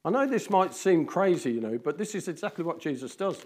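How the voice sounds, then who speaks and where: A man preaches an informal sermon, his voice sitting a little high for a man. He teases the congregation by name and swings between loud calls and hushed asides. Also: lively intonation, fairly quick. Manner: chatty, teasing the congregation by name. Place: church hall among a congregation.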